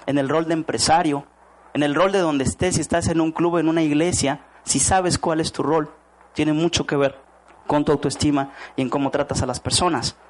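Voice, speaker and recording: Male speaker, motivational seminar style, a bit high-pitched, keeps asking the room questions. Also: fairly even intonation, normal speed. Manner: rhetorical questions to the audience, acts out quoted voices. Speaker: network marketing speaker. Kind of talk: motivational talk to a live audience.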